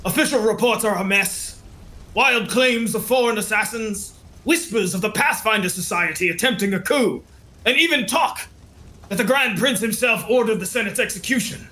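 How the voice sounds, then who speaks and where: A man's voice: high-pitched, sharp tone. A man as a weary noble reporting. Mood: grave. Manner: measured, formal.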